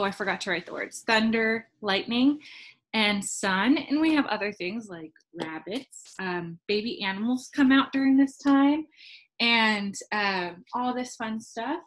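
Slow, patient woman teaching a lesson. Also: on the high side, fairly bright tone. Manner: patient, with frequent ums; counts rhythms out in syllables. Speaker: music teacher. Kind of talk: remote classroom lesson.

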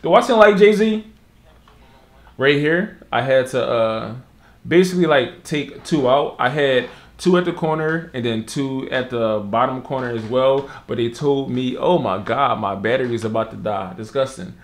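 A man's voice: medium pitch, normal speed. Young man rambling in a slangy vlog. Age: young adult. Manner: loose, slangy, filler-heavy rambling. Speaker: content creator. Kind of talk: casual vlog talk. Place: Los Angeles.

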